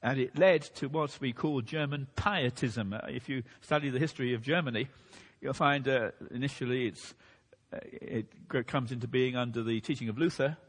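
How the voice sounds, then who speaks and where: A man preaching a sermon in a measured teaching manner, losing his voice a bit. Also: medium pitch, breathy edge. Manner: measured teaching delivery, occasional restarts. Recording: long hall reverb.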